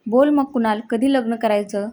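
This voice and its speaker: A woman's voice: fairly high pitch, moderate pace, mellow, natural voice. A woman voicing a brazen young woman who mocks and blackmails a family, in a storybook narration. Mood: taunting. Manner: smug, mocking.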